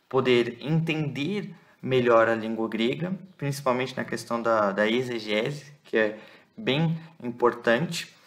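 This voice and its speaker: A man teaching a lesson. He explains patiently, repeats words slowly and keeps checking that his listeners follow. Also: medium pitch. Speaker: Bible Greek teacher.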